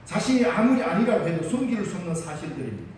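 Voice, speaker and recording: A man's voice: high voice, sing-song, fast, a little mellow, a little hiss or hum. A male pastor with a Gyeongsang accent, preaching a Sunday sermon and telling the story vividly, acting out the dialogue. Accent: Gyeongsang Korean. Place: church sanctuary. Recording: echoey church hall from far off.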